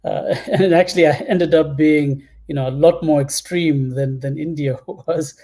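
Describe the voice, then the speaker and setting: Speaking at normal speed in a fairly high, mellow voice, this product executive shares personal stories casually and with some hesitation. He is a man in his thirties from Zambia, interviewed over video call from a room in his home.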